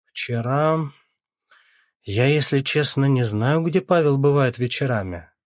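A man's voice: medium pitch, expressive, measured pace, no echo, studio quality, pitched above the performer's own voice, natural voice. A man reading the part of a worried middle-aged mother, anxious and pleading. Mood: flustered.

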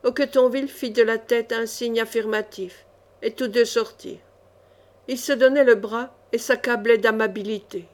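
A woman's voice: on the high side, fairly even intonation, moderate pace. Woman narrating a swashbuckling novel. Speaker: audiobook narrator.

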